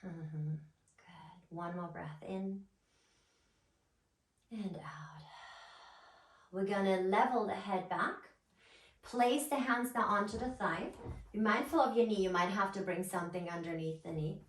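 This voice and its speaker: A woman guiding a yoga class as instructor, with a gentle, nurturing and encouraging manner. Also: mid-range voice, moderate pace. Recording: roomy echo, distant microphone.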